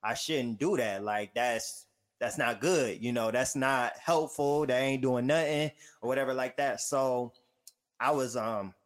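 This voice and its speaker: A man chatting casually, telling stories with slang and acting out what people said in lively voices. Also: mid-range voice, a little slow. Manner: animated storytelling, slangy, acts out quotes. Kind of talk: casual chat.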